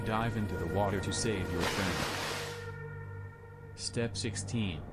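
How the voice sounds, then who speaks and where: A male narrator voice in an animated video, reading numbered steps in a monotone, mechanical way. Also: on the low side, slow, over loud music. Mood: flat.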